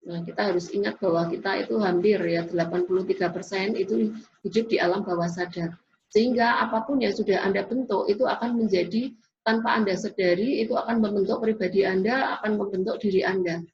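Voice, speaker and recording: A woman's voice: mid-range voice, fairly even intonation, a little fast, a little mellow, slight background noise. A woman giving a classroom lecture in an explanatory way, often tagging sentences with a questioning "ya". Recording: dull lo-fi recording.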